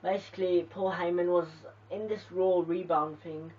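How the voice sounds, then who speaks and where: A home reviewer rambles through a casual spoken recap, filling gaps with "like" and "you know". The voice stays flat and even. It sounds distant and muffled, caught on a cheap lo-fi mic. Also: medium pitch, moderate pace. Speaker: wrestling show reviewer.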